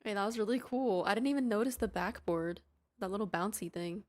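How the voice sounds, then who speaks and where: A young adult woman streamer chats casually with viewers during a live game stream, greeting them by name. Her voice is medium in pitch and fairly quick.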